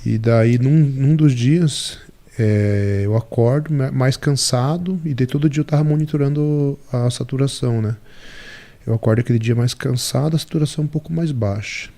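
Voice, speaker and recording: Mellow-voiced man telling a story. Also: mid-range voice, normal speed. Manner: lively storyteller who acts out dialogue. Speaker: podcast guest. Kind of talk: storytelling in a podcast interview.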